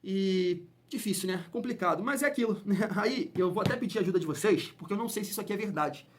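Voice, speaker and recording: Opinionated man, high voice. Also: fast. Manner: opinionated, heated, colloquial, addresses fans as family. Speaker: football channel host. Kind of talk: casual football commentary to viewers.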